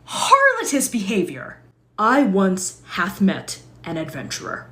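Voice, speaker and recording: A woman's voice: mid-range voice, huge pitch swings, a little slow, pushed and bright, exaggerated voice. A woman voicing a pompous archaic fantasy snob in haughty mock-medieval speech.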